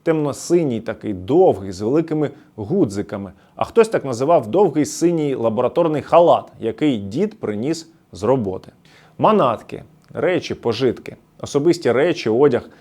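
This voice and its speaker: A man's voice: mid-range voice, lively intonation, normal speed, mellow. A man from the Luhansk region giving scripted documentary narration, storytelling nostalgically as he explains words one by one. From Luhansk region, Ukraine.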